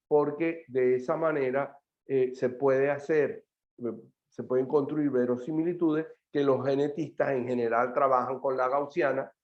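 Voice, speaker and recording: A man speaking at a mathematics seminar, explaining and answering questions in a halting way, with many fillers and restarts. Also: medium pitch. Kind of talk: academic talk and answers. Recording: lo-fi video call audio.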